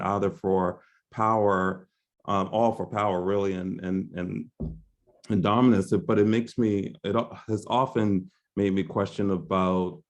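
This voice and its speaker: A man moderating a panel discussion on a video call, talking in a searching, halting way with many restarts. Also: deep voice.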